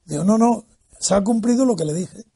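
Older man with a high, husky voice. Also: fairly quick. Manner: animated, acts out quoted voices. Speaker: interviewee. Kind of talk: storytelling recollection.

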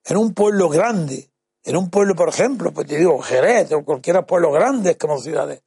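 A man explaining the meaning and origin of words in answer to a question, in a deliberate, lecturing way with frequent halting restarts. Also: high voice, creaky, warm tone, slightly rough, dry recording, clean studio sound. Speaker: language expert answering a listener's question. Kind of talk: explanatory talk on word meanings.

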